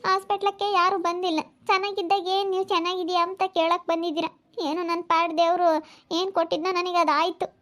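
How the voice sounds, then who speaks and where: A woman's voice: extremely high pitch, little pitch movement, fast, fairly bright tone. A woman acting in a village family drama, speaking in a hurt, reproachful way.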